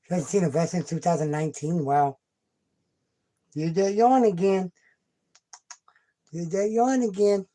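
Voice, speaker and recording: A woman's voice: on the low side, a little slow, pauses often, dark tone, low-quality recording. A woman hosting a casual livestream from home, cooing baby talk to her pet cat and chatting with viewers. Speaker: livestream host.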